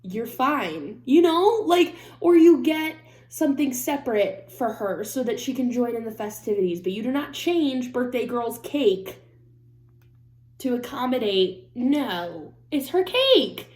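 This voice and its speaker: A woman vlogger giving casual reaction commentary, animated and swearing freely as she mimics people in mock-angry voices. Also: fairly high pitch, measured pace, roomy sound.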